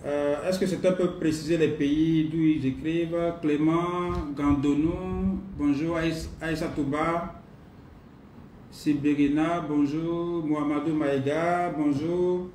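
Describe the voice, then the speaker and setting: A man leading a live online training class, greeting participants and speaking at an unhurried pace with pauses and fillers. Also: on the high side, fairly even intonation, darkish tone. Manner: unhurried, repeats himself, many pauses and fillers. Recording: roomy distant mic, faint noise.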